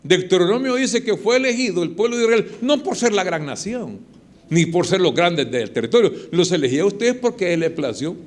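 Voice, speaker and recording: Male preacher, high voice, sermon, rhetorical questions, explanatory. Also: very animated, fairly quick.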